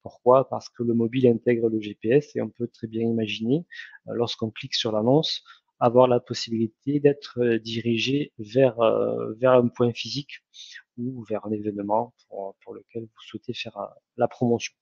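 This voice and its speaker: Male trainer, husky gravelly voice, halting delivery with constant restarts; dull dry recording. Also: medium pitch, fairly even intonation, darkish tone, no echo. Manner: many fillers and self-corrections. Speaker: online ads trainer. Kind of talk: hesitant spoken lesson.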